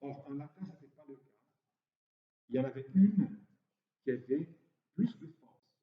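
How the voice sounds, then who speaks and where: A man's voice: fairly high pitch, lively intonation, moderate pace. Man lecturing in an echoey hall. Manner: explanatory, with hesitations. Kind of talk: university lecture. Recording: roomy, distant, dull lecture-hall recording.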